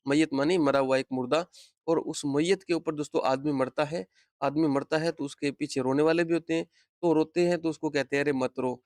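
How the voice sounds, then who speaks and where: A man with a fairly high voice teaches an exam-prep history lesson, drilling his points by asking a question and answering it himself. He often calls his viewers friends and repeats each point. The recording is close and dry. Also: no echo.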